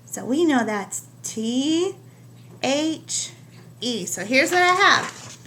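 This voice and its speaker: A woman teaches young children to write, stretching each word into slow separate sounds. Her voice sits a little high. A faint hiss runs under the recording. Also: lively intonation, sharp tone. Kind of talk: home-recorded writing lesson for young children.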